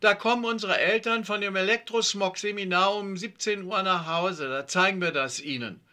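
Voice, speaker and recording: A man's voice: high voice, moderate pace, bright, forceful tone, pitched above the performer's own voice. A man voicing a bossy, practical schoolgirl in a children's story reading. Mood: eager bossy.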